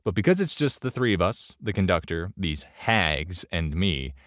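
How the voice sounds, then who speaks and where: A man's voice: low-pitched, sing-song, moderate pace, a bit bright, no echo, studio quality. A man narrating a story in a sarcastic, exasperated way.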